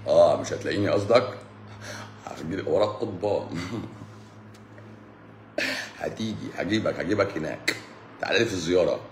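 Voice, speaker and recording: Man, Egyptian accent, low voice, teasing livestream chat, echoey room, faint noise. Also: fairly quick, pauses often. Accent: Egyptian Arabic. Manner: teasing, laughs often, scolds viewers playfully. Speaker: livestream host answering viewers. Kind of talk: casual joking livestream chat.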